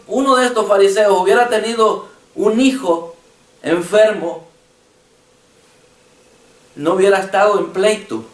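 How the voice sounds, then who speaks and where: A man's voice: high voice, reverberant, distant mic. A man preaching a passionate sermon as pastor, retelling conversations with his congregation. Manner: impassioned preaching with retold dialogue. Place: church.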